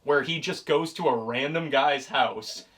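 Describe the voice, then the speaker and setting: A man co-hosting a casual comic-book review chat, animated and acting out characters in quick voices. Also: medium pitch, distant mic. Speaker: podcast co-host.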